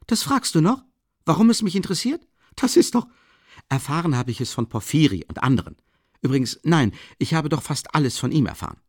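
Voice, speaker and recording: A man reading an excitable young man who rambles and breaks off mid-sentence. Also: medium pitch, quick pace, no room sound, studio quality. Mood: emphatic. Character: agitated young man, excitable, talkative friend.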